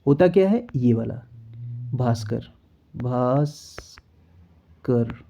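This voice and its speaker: A man's voice: fairly high pitch, expressive, a little slow, mellow. A man teaching an exam-prep spelling lesson, explaining step by step and often checking in with the learner. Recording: dull lo-fi recording.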